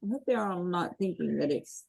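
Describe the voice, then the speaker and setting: A woman's voice: lowish voice, expressive, moderate pace, gravelly, a little mellow. A woman teaching a college class online, calling roll and chatting in an informal, jokey way. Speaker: college instructor.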